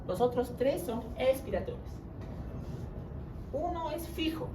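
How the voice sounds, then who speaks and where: A woman's voice: high-pitched, lively intonation, measured pace, noisy background. Woman lecturing in a roomy classroom. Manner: quizzing students with tag questions. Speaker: medical lecturer. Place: lecture room. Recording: roomy classroom audio from far off.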